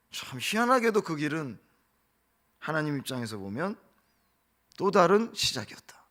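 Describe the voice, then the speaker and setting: A man's voice: on the high side, bright, forceful tone. A middle-aged man preaching a dawn prayer sermon as pastor, impassioned, firing off rhetorical questions and acting out quotes. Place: church sanctuary.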